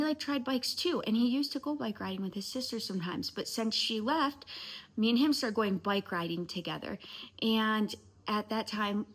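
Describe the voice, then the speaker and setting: A young American family vlogger chats casually to the camera in a mid-range voice, rambling through a story in quick bursts broken by soft, hushed stretches. She starts indoors at home and then moves to an outdoor site where a house is being built.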